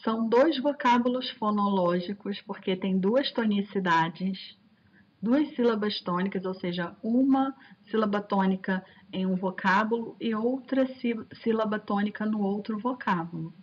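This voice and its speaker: A linguistics teacher delivers a recorded online lecture in an unhurried, mid-range voice with lo-fi sound quality. She explains things step by step, poses rhetorical questions to herself, and speaks warmly and directly to viewers as her students.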